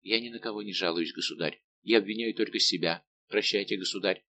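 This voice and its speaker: A man's voice: on the low side, brisk, sharp tone, no room sound. Man reading a fragile pleading young woman.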